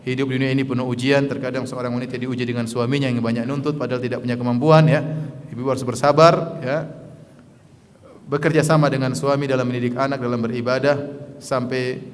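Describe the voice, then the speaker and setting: A man giving a lively sermon, acting out small dialogues and saying "ya" after nearly every phrase. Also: medium pitch, fast. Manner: lively, acts out little dialogues, says "ya" constantly. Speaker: preacher. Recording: long hall reverb.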